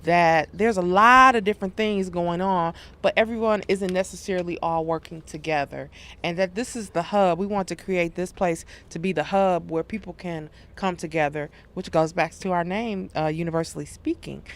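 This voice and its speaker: A woman's voice: lowish voice, normal speed, a bit bright. A woman hosting a community radio show, interviewing her guests in an informal, conversational way.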